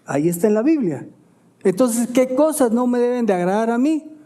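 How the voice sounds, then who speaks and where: A male pastor preaching a sermon, asking emphatic questions and answering them quietly, often adding "¿verdad?". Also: very high-pitched, expressive, normal speed. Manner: stops to self-correct and ask "¿verdad?".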